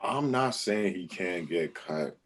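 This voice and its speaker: A man's voice: deep voice, expressive, slow pace. A man co-hosting a podcast, chatting casually in a blunt, playfully dismissive way. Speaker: podcast co-host. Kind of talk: casual chat.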